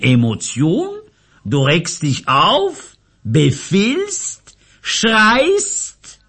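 A man plays a stubborn, sarcastic fellow in a radio play. His voice is husky and he talks slowly, his pitch swinging widely as he mocks. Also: exaggerated voice. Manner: mocking, drawn-out delivery. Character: stubborn sardonic man, rooted to one spot.

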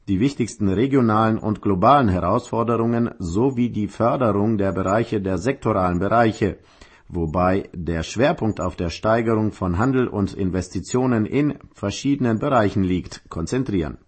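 A man with a lowish, husky voice presents a radio programme. He reads scripted news as the host and newsreader.

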